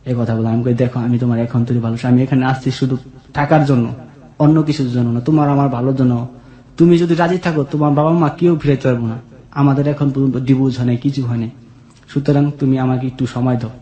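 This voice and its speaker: A man with a colloquial regional Bangladeshi accent tells his own life story as a guest, earnest and plaintive in a confessional way. His mid-range voice has a dark tone and fairly even intonation, moving at a quick pace, with a roomy echo around it.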